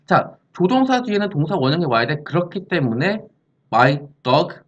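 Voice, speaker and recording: A man's voice: fairly high pitch, sing-song, normal speed. A male grammar teacher whose voice swings widely up and down as he walks through each point. He keeps asking his pupils questions and then answering them himself. The recording sounds dull and lo-fi. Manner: explains step by step, asks and answers own questions. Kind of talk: recorded classroom-style lesson.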